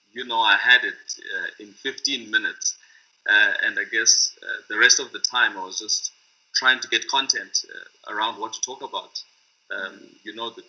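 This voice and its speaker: A middle-aged man speaks in a low, strikingly forceful and bright voice. He talks reflectively about his work as a music producer, pausing often to search for words. The recording sounds dull and lo-fi. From South Africa. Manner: thoughtful, hesitant, searching for words. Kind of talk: reflective talk to camera.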